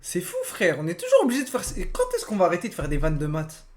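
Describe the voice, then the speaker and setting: A man's voice: sits high, huge pitch swings, quick pace, faint music behind. Slangy young man streaming. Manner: slangy, laughing, repeats himself. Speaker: streamer reacting to a video. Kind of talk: casual live-stream reaction.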